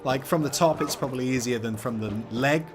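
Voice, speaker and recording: A man's voice: mid-range voice, brisk. A man giving rambling, self-deprecating commentary while he plays a video game. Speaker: gaming commentator. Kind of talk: let's-play commentary. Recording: loud game music under voice. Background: game music and sound effects.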